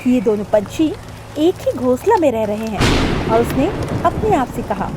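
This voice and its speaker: A woman narrating a children's cartoon story in a clear, expressive storytelling voice, recorded as a studio voice-over. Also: a little high, moderate pace, slight background noise.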